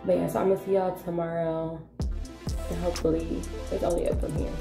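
A woman's voice: lowish voice, flat delivery, a little fast, vocal fry, over loud music. An American woman in her twenties recapping her day casually to camera for a vlog. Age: 20s. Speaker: vlogger. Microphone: camera a short distance away. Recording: echoey small tiled room.

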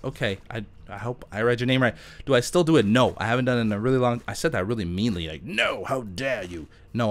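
A gaming YouTuber, a man with a creaky, medium-pitched voice, gives casual, chatty let's play commentary. He's informal and jokey, often poking fun at himself.

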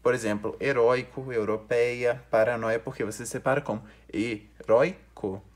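A man's voice: medium pitch, little pitch movement, fairly quick. Man explaining a grammar lesson. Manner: explanatory, repeats and restarts words. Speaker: teacher. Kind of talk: recorded online lesson.

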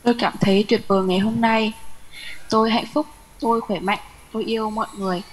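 A woman student reading a motivational chant aloud in steady recitation on a video call. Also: a little high, quick pace, low-quality recording. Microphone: Zoom call.

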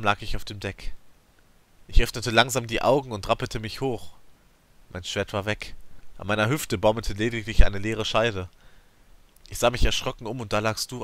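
A let's play host giving an emotive, theatrical reading of a game's story text, rising and falling in loudness. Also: male voice, fairly low pitch, no echo.

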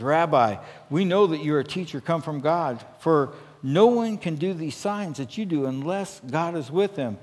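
A middle-aged American pastor delivers a conversational sermon from the pulpit on an indoor church stage, earnest and emphatic, often checking in with his listeners. His voice is fairly high with a breathy edge. The hall is echoey, with long reverb.

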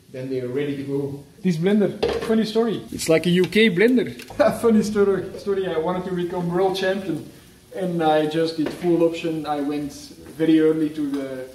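A man's voice: on the high side, slight background noise. Playful man cooking at home. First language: Dutch. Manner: playful, jokey, restarts mid-phrase. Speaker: cooking vlogger. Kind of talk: casual cooking demo. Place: home kitchen. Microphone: camera mic, handheld and moving. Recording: echoey kitchen with frying sizzle.

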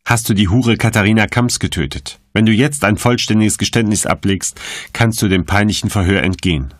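A man voicing a stern male magistrate who questions in a firm, cold, measured way. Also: on the low side, no echo, studio quality, natural voice.

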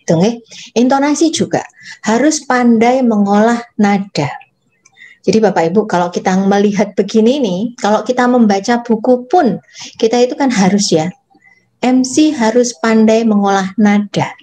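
A woman, teaching public speaking in a chatty workshop lecture, addressing her audience directly. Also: mid-range voice. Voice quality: soft, gentle voice. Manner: demonstrates phrasing by reading aloud.

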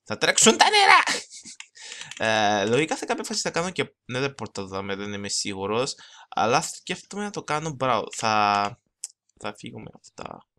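Bright-voiced young man rambling over gameplay. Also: fairly low pitch, big pitch swings, vocal fry, a little hiss or hum. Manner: fast, rambling, mixes Greek with English, self-mocking. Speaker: gaming channel host. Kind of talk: casual gameplay commentary. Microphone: desktop mic, no camera.

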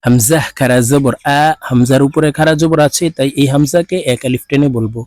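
A man with a Bangladeshi accent teaching Quran reading, spelling each word letter by letter and then chanting it slowly and drawn out. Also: medium pitch, a little mellow, no room sound. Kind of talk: spelling out and slowly reciting Quranic words in a lesson.

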